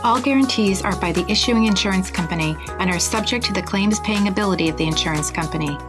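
A woman's voice: mid-range voice, quick pace. A woman reading a scripted legal disclaimer in a formal manner, as at the end of a podcast. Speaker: disclaimer reader. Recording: loud music bed under the voice. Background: music.

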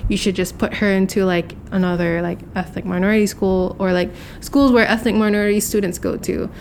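A young woman from Hong Kong, a podcast guest, telling candid stories quickly with lots of fillers. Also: medium pitch, fairly even intonation, creaky, darkish tone, slight background noise. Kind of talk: casual interview chat.

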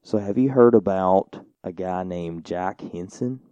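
A man's voice: low-pitched, a little slow, dark tone, clean tone, no echo, muffled recording. A man co-hosting a podcast, telling a story in a casual, rambling way full of "like" and "you know.". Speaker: podcast co-host.

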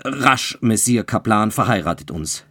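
A man's voice: medium pitch, expressive, a little slow, dark tone, husky, voice pushed up. A man voicing a cruel medieval lord who barks orders and pleads grandly in an audio fairy tale. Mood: commanding. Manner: commanding, then grandly pleading. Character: cruel charming male lord forcing a marriage.

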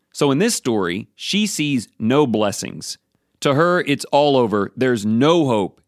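A man's voice: on the low side, dry recording, clean studio sound. A man giving a Bible devotional talk, earnest and speaking straight to the listener.

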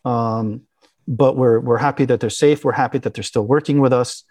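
A man as an interview guest, talking in a halting, conversational way with many restarts and fillers. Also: mid-range voice, steady tone, darkish tone, slightly rough, no echo. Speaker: interview guest, business owner.

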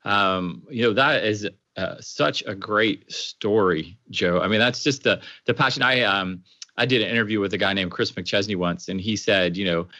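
A male podcast host answering his guest in a relaxed, reflective manner, with plenty of fillers. His voice is low yet bright and forceful, and it is recorded dry and close. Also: normal speed, dry recording. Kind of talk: conversational interview.

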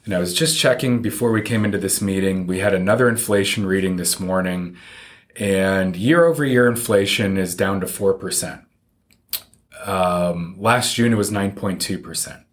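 A male financial advisor, appearing as an interview guest, speaks in a low voice at normal speed. He is plain-spoken and informal, explaining things conversationally.

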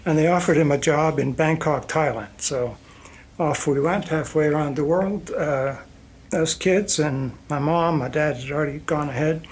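An older man from Iceland, whose first language is Icelandic, recounts his past in a loose, chatty way, full of fillers and soft chuckles. His voice sits a little high. A faint ambient hum runs behind him. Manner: rambling anecdotes with fillers and chuckles. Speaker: guest, company president. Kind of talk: relaxed storytelling interview.

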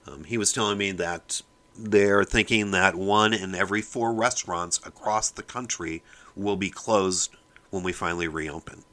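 A man's voice: sits low, moderate pace, sharp tone. A man hosting his own podcast, delivering a fired-up opinion monologue and lecturing his listeners, often calling them "people". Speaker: podcast host.

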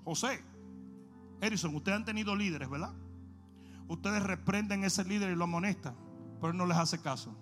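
A male pastor preaching a sermon in an animated storytelling manner, speaking to his congregation. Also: high voice, a little fast, pauses often, soft background music.

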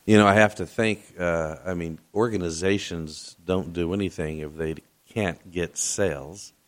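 A man's voice: low-pitched, steady tone, normal speed. A man hosting an interview show, responding and asking questions conversationally. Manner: affirming, conversational. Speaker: show host.

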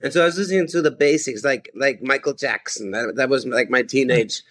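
A man's voice: mid-range voice, brisk, fairly bright tone. A man in his fifties from Austria, chatting enthusiastically as a podcast guest and laughing often. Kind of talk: casual chat.

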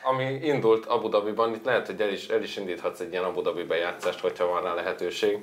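Male guest, lowish voice, candid, owns his mistakes. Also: steady tone. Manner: candid, self-critical. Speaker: guest, racing driver. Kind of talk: casual interview.

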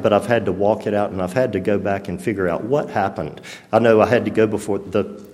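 A middle-aged man gives a halting personal testimony in church, full of restarts and fillers. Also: low voice, a little mellow, long reverb tail.

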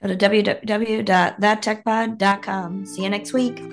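A hoarse woman co-hosting a podcast, speaking only briefly because she has lost her voice. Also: medium pitch, little pitch movement, normal speed, music in the background. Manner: brief, apologetic. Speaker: podcast co-host.

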